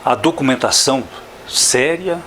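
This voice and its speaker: Slow, reflective older man on radio. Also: medium pitch, a bit bright, a little hiss or hum. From Santa Catarina, southern Brazil. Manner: slow, reflective, with frequent "não é?" tags. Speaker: radio interview guest, journalist. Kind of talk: radio interview. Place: radio studio.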